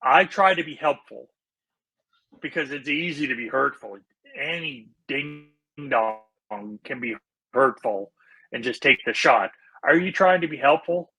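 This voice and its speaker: Man, podcast co-host, earnest explainer, husky voice, bright and forceful. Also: medium pitch, lively intonation, a little slow, low-quality recording. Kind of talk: casual chat.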